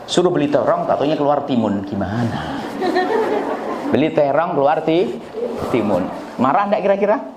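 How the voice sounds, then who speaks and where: A man's voice: fairly high pitch, very animated, moderate pace, long pauses, heavy background noise. A man preaching to a live audience, acting out family dialogues and throwing out jokes and questions to the crowd. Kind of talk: religious talk to a live audience. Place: gathering hall with a live audience. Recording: echoey hall, slightly dull sound, faint crowd.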